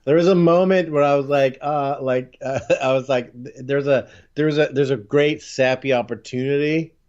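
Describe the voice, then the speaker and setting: A man co-hosting a podcast in loose, casual chat, his pitch sitting in an ordinary middle range. He rambles and restarts often, piling up fillers as he gets animated. The audio is a little dull and lo-fi. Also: normal speed. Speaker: podcast co-host.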